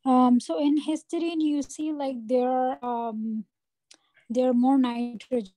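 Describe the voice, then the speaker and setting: A high-voiced woman speaks up in an online class, hesitant and halting with many fillers. Her video call audio glitches and cuts out mid-sentence. The sound is dry and close, with no room around it. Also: fairly even intonation, mellow, no room sound, low-quality recording. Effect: choppy audio cutting out on a video call. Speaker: student asking a question.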